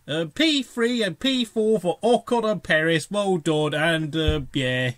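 A man with a fairly high voice gives informal motorsport commentary as a channel host. His delivery is sardonic, and the recording is dry and close. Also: unhurried, a bit bright, no echo.

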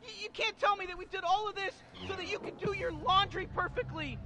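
A teenage boy with a very high, squeaky voice stammers over nearly every phrase, talking a little fast. Nervous and whiny, he trips over his words while protesting, sounding exasperated. Open outdoor street sound is audible in the recording.

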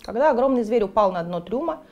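Выразительная женщина читает детскую сказку. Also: female voice, fairly high pitch, quick pace, dull audio, soft background music. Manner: expressive, lively reading. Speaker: reader of a children's book. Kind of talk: storybook narration.

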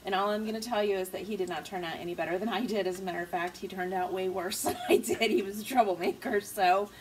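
A stay-at-home mom vlogger in her forties talks fast in a mid-range, steady voice while cooking in her home kitchen, chatty and easygoing and laughing at herself. A low-angle counter camera records this casual cook-along from a distance, picking up loud clatter, sizzling pans, clinking cutlery and slight background noise.

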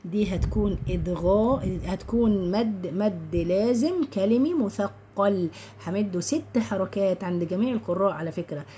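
A woman with an Egyptian accent teaching tajweed, chanting verses slowly and melodically, then explaining quickly and repeating sounds to correct them. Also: medium pitch, dark tone, a little hiss or hum. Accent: Egyptian Arabic. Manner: drawn-out melodic recitation between quick explanations. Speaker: Quran recitation teacher. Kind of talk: tajweed lesson with slow recitation.

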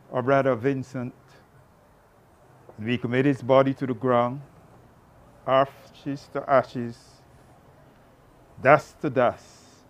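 A man reciting the committal prayer at a burial in a very slow, drawn-out solemn voice. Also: on the high side. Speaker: officiant. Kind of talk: liturgical reading at a burial service.

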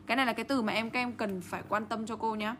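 Upbeat woman teacher, high voice, faint hiss. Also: rapid-fire. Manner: lively, checks in constantly with rhetorical questions. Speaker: English teacher. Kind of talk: exam answer walkthrough lesson.

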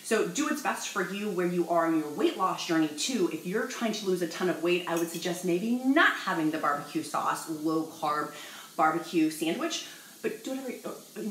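A woman talks straight to camera in a home cooking vlog, bubbly and jokey. Her voice sits a little low. The room around her is echoey, with a faint hiss of noise. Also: lively intonation, moderate pace, fairly bright tone. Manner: chatty, bubbly, jokey, addresses viewers as y'all. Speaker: vlogger.

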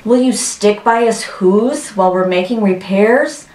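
A woman's voice: medium pitch, measured pace, a little mellow, close to an everyday voice. A woman voicing a tiny, troubled mayor of speck-sized folk in a children's storybook, plaintive and pleading. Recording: roomy echo, distant microphone.

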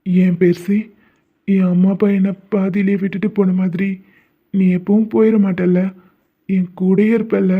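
A man's voice: sits high, flat delivery, moderate pace, long pauses. Guy voicing a young cartoon orphan, sad and pleading, sounds like it's over a phone line. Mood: sorrowful. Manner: pleading, tearful. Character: young male student, sensitive orphan. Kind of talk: animated cartoon voice acting.

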